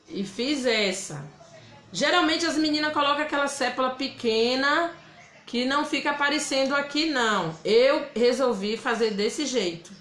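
On the high side and a bit bright, this woman's voice carries a Bahian Brazilian Portuguese accent. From Bahia, she hosts a casual live craft demo, chatting with viewers, naming them and reading out their comments, all with a roomy echo in the recording.

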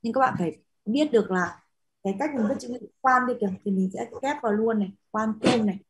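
A woman's voice: fairly high pitch, fast, background noise. A young woman teacher, patiently explaining Latin spelling to a class, checking often that students follow. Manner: patient, explains with many fillers and checking questions. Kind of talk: classroom lesson.

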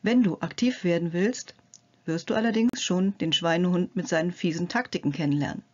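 An older woman, a psychotherapist and health coach, narrating a scripted lesson in a friendly, gently playful way, addressing the viewer directly. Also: on the low side, a little fast, dull audio.

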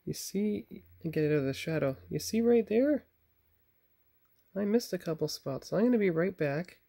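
A man with a slightly high, gravelly voice of dark tone talks briskly and with animation. He is a model builder and channel host, chatting with viewers while he paints a model at his workbench, thinking aloud and correcting himself. A phone camera on a tripod records him.

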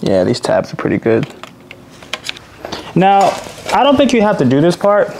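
A man's voice: high-pitched, huge pitch swings, moderate pace, darkish tone, a little hiss or hum. A young man casually talking through a DIY car repair as he works, laid-back and swearing now and then. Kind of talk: casual hands-on narration.

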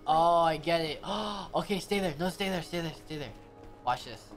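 A young man hosting a co-op game session, excitedly coaching his partner with quick repeated commands. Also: a little high. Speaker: gaming host. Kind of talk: casual co-op gameplay chat. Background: game music.

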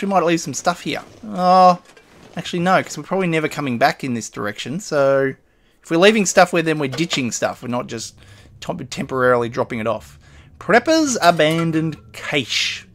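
A man's voice, a little high and fairly bright, offers loose, meandering commentary as he plays a survival game for his gaming videos, muttering item names and laughing to himself.

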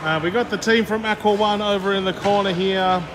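A man's voice: high voice, fairly even intonation. A man, vlogging a chatty walkaround of an aquarium expo on a handheld gimbal camera. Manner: upbeat, chatty, fast run-through of booths. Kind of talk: walkaround vlog. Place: large indoor expo hall. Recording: noisy hall with background chatter.

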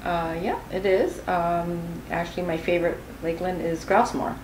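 A woman's voice: on the low side, fairly even intonation, moderate pace, darkish tone. A woman guest in a casual interview, talking hesitantly with a pipe in her mouth. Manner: hesitant, many fillers. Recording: echoey room with noise.

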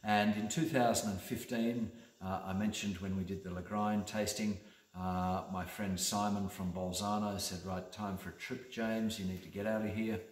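Deep-voiced winemaker in echoey room. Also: male voice, fairly even intonation, normal speed. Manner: rambling, enthusiastic with many fillers. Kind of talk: casual wine tasting presentation.

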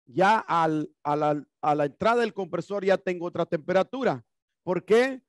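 A high-pitched man in his thirties speaks at normal speed while teaching an HVAC class, explaining material and supplying answers to his own questions. He uses a headset mic in a classroom fitted with a whiteboard and HVAC equipment. The sound is clean, studio-like, with no room sound.

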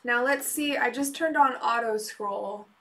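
A woman chatting casually on a live music stream, relaxed and unhurried, with frequent "um" pauses. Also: a little high. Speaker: live-stream musician taking song requests.

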